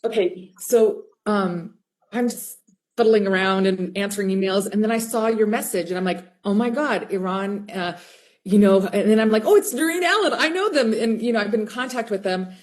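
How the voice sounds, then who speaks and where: A woman's voice: medium pitch, steady tone, normal speed, a little mellow. A woman teacher on a video call, talking in a rambling, raw and heartfelt way. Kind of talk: emotional casual chat.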